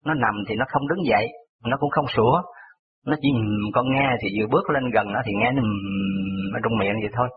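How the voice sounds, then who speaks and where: A man with a Southern Vietnamese accent calls in to a radio show and tells a personal story at a brisk clip, piling on small details. His voice sits at an ordinary middle pitch. It comes through a thin, tinny phone line. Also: slight background noise. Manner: rambling, detail-heavy storytelling.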